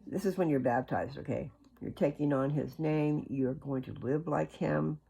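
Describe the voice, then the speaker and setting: At a moderate pace and with a warm tone, a religious video host speaks in a husky, creaky, gravelly voice set at medium pitch. His informal, earnest, folksy talk rambles through asides before coming back around, captured on a low-quality recording.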